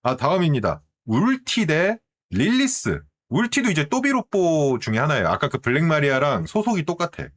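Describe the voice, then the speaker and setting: A man streaming, chatting casually in an animated way and often asking his viewers questions. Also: a little high, normal speed, few pauses. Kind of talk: casual commentary.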